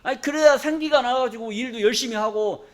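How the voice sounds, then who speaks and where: With a very high voice and a slightly fast pace, a male pastor delivers an emphatic, folksy church sermon built around call-and-response questions to his congregation.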